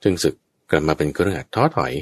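A man's voice: quick pace, no room sound. A man teaching Buddhist Dharma in a conversational way, explaining patiently and checking that his listener understands.

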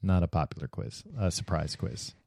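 A man's voice: low-pitched, normal speed, gravelly, a little mellow, dry recording. A man co-hosting a podcast, chatting casually in a dry, teasing way and laughing often. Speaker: podcast co-host. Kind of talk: casual comedic chat.

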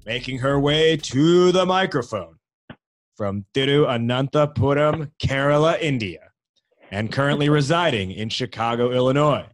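A man hosting a podcast in a high-energy promotional announcer style, like an energy drink ad, stretching words for emphasis. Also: soft background music. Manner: hyped announcer delivery with drawn-out emphasis. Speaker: podcast host.

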